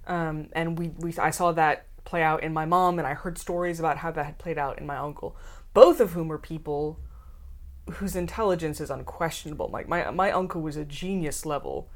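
A woman from the American South chatting casually, telling animated stories with many ums and restarts. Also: deep voice, fairly quick. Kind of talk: casual chat.

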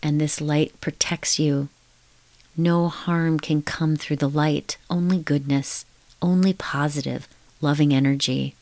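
A woman guides deep relaxation in a low, even voice. Her delivery is slow and soothing, like a hypnotic countdown, with hushed, repetitive phrases. The sound is close and dry, free of room echo.

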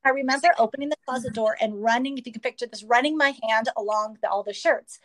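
A woman's voice: a little high, quick pace. A middle-aged woman sharing a personal faith testimony in an interview, telling her story with emotion and acting out quotes. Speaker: guest.

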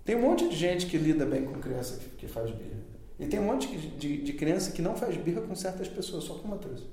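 Brazilian Portuguese co-host, assertive advice-giver, mid pitch, very reverberant room. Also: fairly quick. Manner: animated, assertive, acts out little dialogues. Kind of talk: casual podcast chat. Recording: very echoey room.

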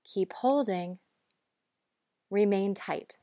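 Slow, calm woman guiding relaxation. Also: mid-range voice, no room sound, clean studio sound. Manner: calm, measured, instructive. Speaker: guide. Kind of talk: guided breathing and muscle relaxation.

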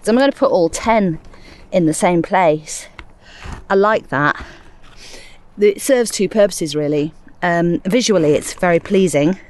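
A middle-aged woman who hosts a gardening podcast chats to listeners while planting outdoors in her garden, a little out of breath. Her voice is on the low side, a little slow and darkish, and she sounds chatty and self-amused as she works.

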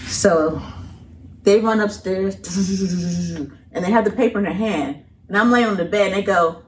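A middle-aged woman telling a personal story in a casual, colloquial way as a podcast guest. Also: unhurried. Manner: animated, colloquial, breaks into laughter and high voices when quoting. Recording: distant mic with faint background noise.

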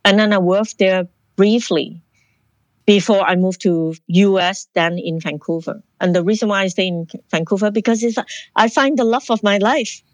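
A woman's voice: mid-range voice, moderate pace, no echo. A woman from Hong Kong, a guest in an interview who tells her life story in an earnest, reflective way and often restarts her sentences. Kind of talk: personal life story in conversation.

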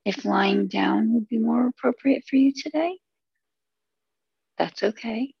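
Leading a relaxation session, a woman with a husky, somewhat high voice and thick vocal fry speaks in short, soothing, unhurried phrases. Long pauses separate each one. The recording sounds dull and very dry.

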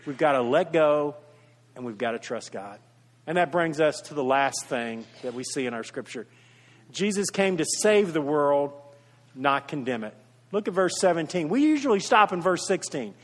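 A man's voice: a little high, very animated, normal speed. Earnest preaching man in a reverberant church. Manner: earnest preaching, swells louder then drops to soft, intimate tones. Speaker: pastor. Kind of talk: sermon. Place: church sanctuary. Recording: long reverb of a large church hall.

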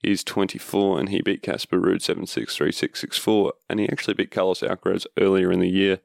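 Deep, gravelly man, casual podcaster. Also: fairly even intonation, brisk, no echo, studio quality. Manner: rambling, informal, self-interrupting. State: recovering from wisdom teeth removal. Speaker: podcast host. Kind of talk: casual solo sports podcast commentary.

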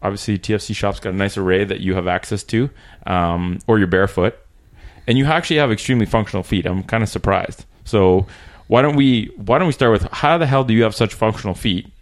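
Male podcast host, lowish voice, conversational and halting, recorded in a small room. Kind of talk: casual interview chat. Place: small room in a rented apartment.

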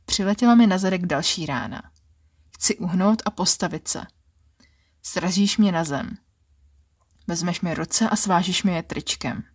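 A woman narrating an erotic story in the first person, quiet and intimate, with a husky voice. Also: on the low side, long pauses, no room sound, studio quality. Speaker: podcast narrator.

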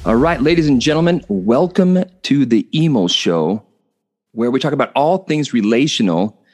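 A man with a voice of middling pitch talks alone into the mic as a podcast host. His tone is earnest and explanatory, and he often stumbles into restarts and repeats words as he works through a point. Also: animated, normal speed, a little mellow, soft background music. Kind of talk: solo podcast monologue on relationships.

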